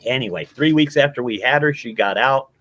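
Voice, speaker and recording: A middle-aged man chatting casually, telling animated stories and acting out quotes. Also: mid-range voice, fairly quick. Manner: storytelling, animated, acts out quotes. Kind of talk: casual chat.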